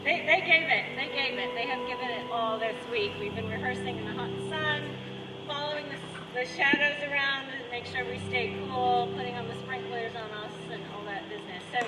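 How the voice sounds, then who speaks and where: A woman's voice: fairly high pitch, fairly quick. Rambling woman hosting an outdoor Q&A. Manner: chatty, rambling, self-interrupting. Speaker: choreographer and director hosting a post-show Q&A. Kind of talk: casual outdoor post-show Q&A. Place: outdoor performance space. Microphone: handheld mic held away from mouth. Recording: distant echoey outdoor sound with loud traffic noise.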